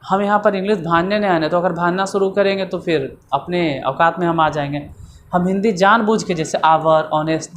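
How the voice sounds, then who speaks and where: Guy teaching english grammar, keeps asking and answering himself, a bit of noise behind. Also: sits high. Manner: repetitive, asks and answers own questions. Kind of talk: classroom lesson explaining grammar.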